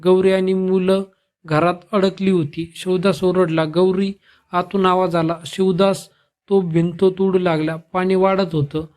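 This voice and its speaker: A man narrating a scripted devotional story with a steady, even delivery. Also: high voice, measured pace.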